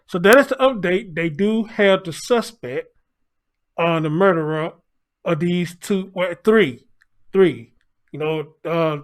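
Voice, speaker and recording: A man giving a casual news update to viewers, speaking through a face mask in a halting way and repeating phrases. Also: a little high, smooth. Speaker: online news commentator.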